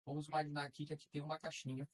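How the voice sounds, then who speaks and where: A woman's voice: low-pitched, flat delivery, rapid-fire, rough recording. A woman teaching a class, explaining patiently step by step and checking in with her students. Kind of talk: classroom lesson.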